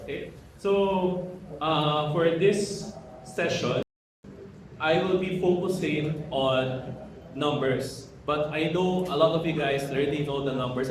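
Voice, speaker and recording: A man's voice: medium pitch, noisy background. A man from the Philippines, a Hokkien language instructor, giving a casual workshop lecture to a live audience and asking the room questions. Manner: casual, code-switches with Tagalog fillers, asks the room questions. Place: large echoey room with audience. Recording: echoey hall with crowd.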